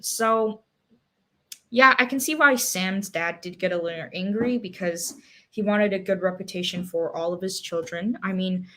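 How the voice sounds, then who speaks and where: A woman's voice: medium pitch, a bit bright. Casting: young woman, book club host, casual and rambling, mid-range voice. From Singapore. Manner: thinking aloud with many fillers and restarts.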